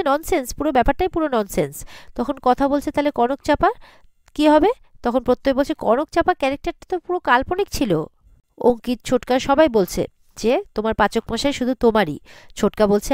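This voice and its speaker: A woman's voice: medium pitch, a little mellow, dry recording. Woman recapping a serial, dry close sound. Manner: retells scenes quickly, reading out characters' lines with filler sounds. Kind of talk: casual spoken recap of a TV serial episode.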